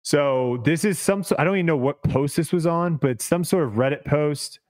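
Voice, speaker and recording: A man's voice: a little high, moderate pace, a little mellow. A man hosting a podcast, reading a sponsor ad and then chatting loosely, repeating words as he goes. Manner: rambling, repeats words, laughs easily. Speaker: podcast host. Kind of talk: casual podcast chat with ad read.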